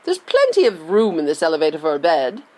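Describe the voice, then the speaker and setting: A woman voicing an eccentric, excitable male candy-maker in a storybook reading, brisk and insistent. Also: sits low.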